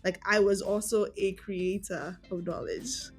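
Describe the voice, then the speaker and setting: A woman who grew up in Accra, Ghana, and works as a user experience researcher gives conversational, reflective answers as a podcast guest. Her medium-pitched voice is steady and a little slow, with faint music in the background.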